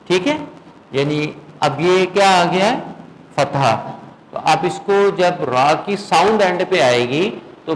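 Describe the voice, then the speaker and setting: A man teaching Quran recitation in a classroom lesson, patiently asking his students whether they follow and slowly drawing out words to demonstrate. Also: on the high side, a little hiss or hum, poor audio. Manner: patient, checks understanding with frequent questions.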